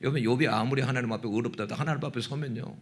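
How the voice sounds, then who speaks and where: A man's voice: mid-range voice, racing. Emphatic male pastor preaching a sermon. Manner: emphatic, prodding the congregation with rhetorical "예?" and "응?"; swings between loud exclamation and hushed intensity. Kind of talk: Sunday sermon.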